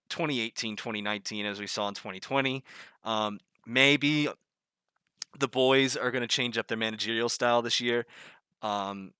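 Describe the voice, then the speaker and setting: A man's voice: on the low side, bright, forceful tone, clear, resonant tone, no room sound, clean studio sound. A man with a Southern US accent hosting a casual panel talk, rambling with lots of fillers. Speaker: podcast host.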